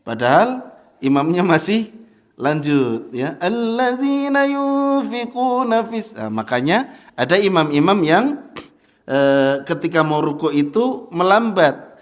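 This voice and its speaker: Chatty ustadz, slightly high voice. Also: male voice, expressive. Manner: chatty, laughs often, chants verses slowly as examples. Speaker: ustadz teaching Quran recitation. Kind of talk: casual mosque lesson. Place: mosque.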